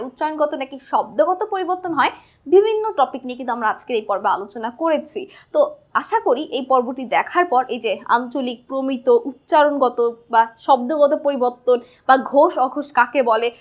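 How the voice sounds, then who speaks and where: A young woman with a high voice teaches a lesson in a patient, steady way. She goes back over her points and drills each sound one at a time. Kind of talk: classroom lesson explaining phonetics.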